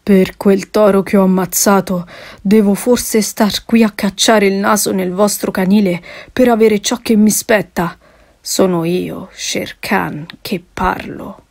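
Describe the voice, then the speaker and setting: A woman voicing a menacing male tiger, slow and low with a growl in her voice. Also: fairly even intonation, creaky, darkish tone.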